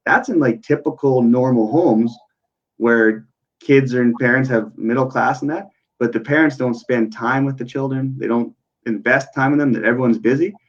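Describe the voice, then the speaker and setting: A man's voice: medium pitch, normal speed, lo-fi sound. A man speaking as an interview guest about working with youth, explaining earnestly with frequent fillers. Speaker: guest, youth worker and parenting coach.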